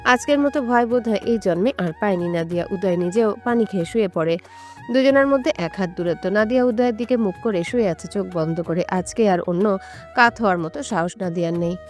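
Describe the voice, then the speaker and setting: A woman with a medium-pitched, slightly mellow voice reads a scripted romantic story fairly quickly as an audio story narrator, with background music playing under her voice.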